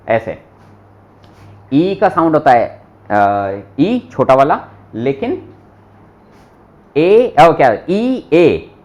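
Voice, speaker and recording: Slow, lively-voiced male German teacher. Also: on the high side. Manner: slow, patient, repeats words aloud for students; asks students questions directly. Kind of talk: live classroom lesson.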